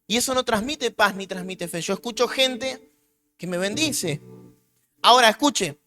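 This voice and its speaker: A man's voice: sits high, animated, a little slow, over music. A man preaching as a pastor with a Rioplatense Spanish accent, emphatic and repetitive in his sermon.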